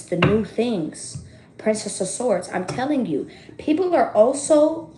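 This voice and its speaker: A woman giving a casual tarot reading to her viewers, chatty and animated, laughing often and swearing freely. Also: medium pitch, slight background noise. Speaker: tarot reader. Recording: roomy echo.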